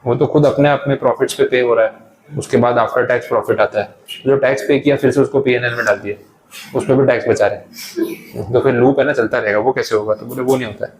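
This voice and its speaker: Male lecturer, mid pitch, patient classroom explaining, faint hiss. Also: fairly even intonation, fast, rough recording. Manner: explains step by step in mixed Hindi and English. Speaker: tax lecturer.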